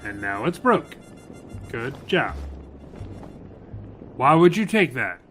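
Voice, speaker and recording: A man's voice: mid-range voice, sing-song, takes it slowly, a bit bright. Sarcastic man commentating over game music. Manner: sarcastic, muttering asides, profane. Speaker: let's play commentator. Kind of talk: casual reactive gameplay commentary.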